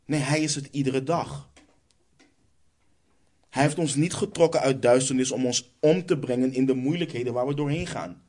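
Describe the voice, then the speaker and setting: A man's voice: mid-range voice, darkish tone. A man preaching a sermon, reading Bible verses aloud and answering his own rhetorical questions.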